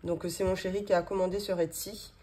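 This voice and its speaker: Talking fast in a lowish, level voice with a dark tone, a woman in her thirties unboxes her budgeting binders at her indoor home office desk. It's a casual show-and-tell vlog, full of fillers and little laughs.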